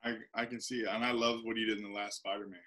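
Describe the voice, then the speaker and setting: Laid-back podcast host, bright-toned man. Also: fairly low pitch, little pitch movement, very fast. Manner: laid-back, affirming, playful. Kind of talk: casual interview chat.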